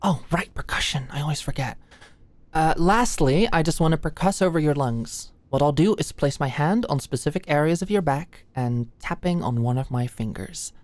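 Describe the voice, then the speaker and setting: In an intimate, scripted one-sided ASMR roleplay, a young woman voices an anxious, awkward female medical student, careful and nervous. Her low, expressive voice moves at a moderate pace as she stammers hesitantly yet stays softly attentive. It is recorded dry on a close studio-style mic with no room sound.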